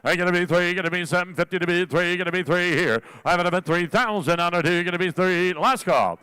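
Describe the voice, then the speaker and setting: A man working as an auctioneer, calling bids in a rapid, rolling chant with repeated filler phrases between the numbers. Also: high voice, bright, forceful tone, smooth.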